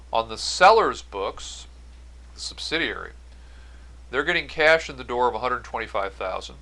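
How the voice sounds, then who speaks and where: An instructor delivers an explanatory, accounting-style lecture over on-screen notes, moving step by step and stressing key phrases. His voice is lowish, with a bright, forceful tone.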